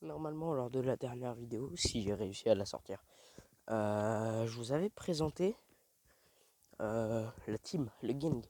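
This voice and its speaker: A young man rambling in slangy, self-mocking talk while walking alone outdoors at night in a dark village, recorded on the phone he carries. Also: medium pitch, lively intonation, measured pace, slight background noise. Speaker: vlogger. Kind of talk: rambling casual vlog. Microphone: phone held while walking.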